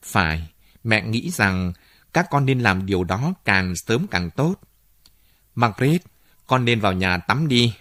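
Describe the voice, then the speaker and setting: A man's voice: on the low side, sing-song, measured pace, fairly bright tone, dry recording. Male reader voicing a proper, fretful storybook mother, fussy and scolding, dry sound. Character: anxious middle-aged mother, proper and fretful.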